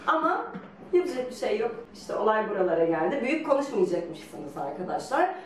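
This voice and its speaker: A woman telling a story in a lively, teasing way, laughing often as she talks. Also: medium pitch, a little fast, slight background noise. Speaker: guest telling her couple's story. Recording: roomy echo from a distance.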